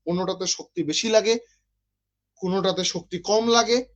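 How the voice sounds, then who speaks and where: A man's voice: high voice, moderate pace, muffled recording. Bangladeshi male teacher quizzing his class. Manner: explanatory, asks students questions often. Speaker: literature teacher. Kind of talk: online class lecture.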